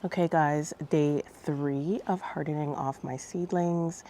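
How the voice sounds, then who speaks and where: A woman's voice: sits low, fairly even intonation, slow, dark tone, slight background noise. A woman vlogging casually about her routine, talking informally and directly to her viewers, like a gardening host. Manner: chatty, informal, addressing viewers. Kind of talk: casual vlog chat to viewers.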